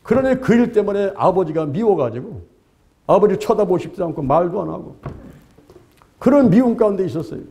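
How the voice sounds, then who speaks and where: A man's voice: high voice, lively intonation, fairly quick, dark tone. A pastor in his sixties preaching a sermon in an emphatic, dramatic way, acting out the prayers he quotes.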